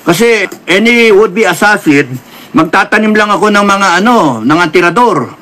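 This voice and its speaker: High-pitched and expressive, a Filipino-accented man offers political commentary at a moderate pace, his tone pushed and bright. He lectures, weaves in English phrases, and keeps apologizing.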